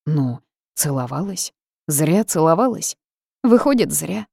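A woman's voice: low voice, big pitch swings, unhurried, creaky, darkish tone, breathy edge, dry recording, studio quality, full character voice. A woman voicing a timid, fussy male barn spirit who talks meekly and plaintively. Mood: flustered. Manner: meek, flustered, plaintive.

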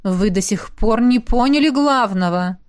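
A woman's voice: on the high side, lively intonation, normal speed, lightly acted. A woman voicing a stern lecturing rector. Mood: reproachful. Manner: cutting, lecturing. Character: stern female academy rector, reproachful mentor.

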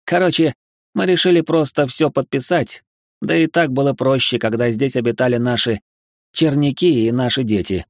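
A man voicing a scholarly male angel in an audiobook, measured, analytical and wry. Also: medium pitch, no echo, clean studio sound, natural voice. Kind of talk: audiobook character reading.

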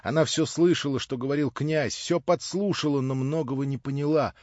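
A man narrating a literary audiobook in a calm, measured storytelling voice. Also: on the high side, no echo, highs cut off.

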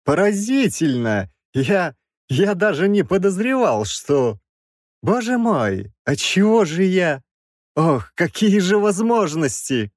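A man voicing a whiny, fussy old male professor with a shrill, squealing voice in an audiobook. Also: very animated, normal speed, no echo, studio quality. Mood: excited, shrill. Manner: pleading, fussy, indignant. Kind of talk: audiobook character voice.

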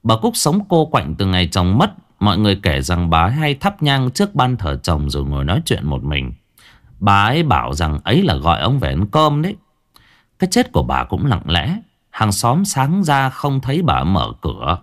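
A man tells a ghost story in a fairly low voice. His delivery is dramatic and animated, swinging widely in pitch to build suspense. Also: moderate pace.

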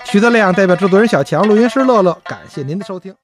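A man with a Beijing accent hosting a radio show and telling a story in an animated, colloquial way. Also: high voice, fast talker, faint music behind. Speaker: host and storyteller.

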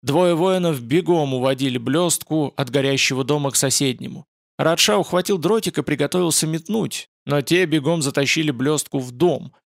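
A man narrating a fantasy novel as an audiobook in steady storytelling. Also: fairly high pitch, moderate pace, creaky, no room sound, studio quality.

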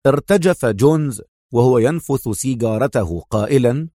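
A man narrating a crime thriller audiobook with steady, measured pacing. His mid-pitched voice is recorded dry and close, with no room sound. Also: dry recording.

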